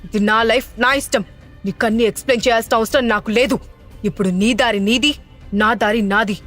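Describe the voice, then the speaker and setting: A woman's voice: on the high side, steady tone, brisk, a bit bright, soft background music. A woman voicing a cold, defiant young mother who speaks firmly in an audio drama. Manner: cold, firm.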